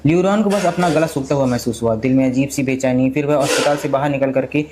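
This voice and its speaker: A man narrating a storybook recap in rapid, continuous storytelling with frequent restarts. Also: mid-range voice, noisy background.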